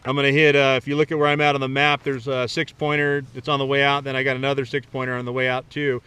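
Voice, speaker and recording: On a rocky mountain summit, a male amateur radio operator chats casually and easily in colloquial language, mixing radio talk with outdoor vlogging. He talks fast in a medium-pitched, level voice that is bright, forceful, clear and resonant, with faint outdoor noise in the background.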